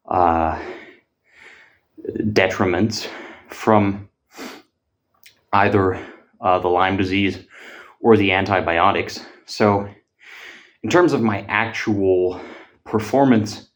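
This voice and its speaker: A fitness vlogger talking casually between gym sets. He is out of breath and speaks haltingly, with frequent filler pauses and casual swearing. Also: on the low side, a bit bright.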